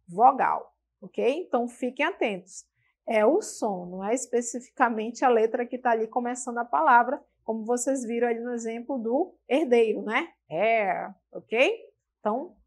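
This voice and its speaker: A woman with a Brazilian Portuguese accent giving a televised English lesson, slowly repeating example words and checking in with her students. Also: a little high. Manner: slow, patient, repeats example words aloud; checks in with tag questions. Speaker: English teacher.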